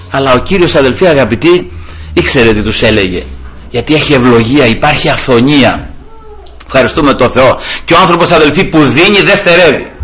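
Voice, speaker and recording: Animated male preacher, bright lively voice. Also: a little high. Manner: animated storytelling, repeatedly addressing "brothers" and praising God. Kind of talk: sermon.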